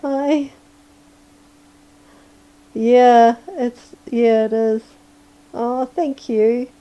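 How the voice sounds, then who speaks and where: A woman chatting casually on a livestream while drawing, hoarse and sleepy, rambling and chuckling often. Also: fairly high pitch, steady tone, very slow, highs cut off. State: hoarse, losing her voice. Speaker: livestreaming digital artist.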